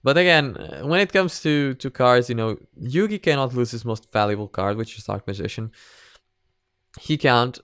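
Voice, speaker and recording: An expressive man with a mid-range, fairly bright and clean voice speaks at normal speed, reviewing an animated parody series with casual, unscripted reactions. He hesitates, rambles and repeats himself. The recording is dry.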